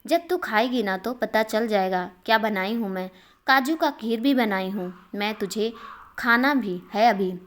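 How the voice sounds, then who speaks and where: A woman's voice: a little high, a little slow, close to an everyday voice. A woman voicing a caring elder sister in a read-aloud storybook, speaking in a soothing, fondly scolding way. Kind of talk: storybook character reading.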